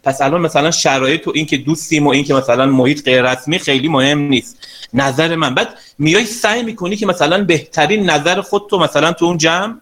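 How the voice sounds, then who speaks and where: A man with a slightly high voice runs an online class as a sales trainer. He speaks straight to his students in a chatty, coaxing way and teases them now and then. He is heard over a video call. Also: a bit bright.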